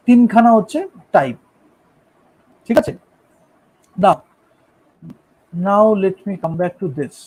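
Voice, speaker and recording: A man's voice: high-pitched, mellow, poor audio. A man teaching a lesson, explaining each step in turn and often checking that his listeners follow. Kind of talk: classroom lecture on poetic meter.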